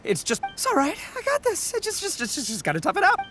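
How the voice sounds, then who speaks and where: A woman's voice: fairly high pitch, big pitch swings, normal speed, background noise. A woman voicing a boastful male oni gang boss in a game fan dub, blustering and stammering. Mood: flustered. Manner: stammering, blustery, boisterous laughter.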